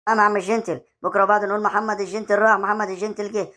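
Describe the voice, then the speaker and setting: A man's voice: high voice, little pitch movement, sharp tone. A man voicing a boastful middle-aged village man with an Egyptian accent, who teases and swaggers. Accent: Egyptian Arabic. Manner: rapid, swaggering, teasing.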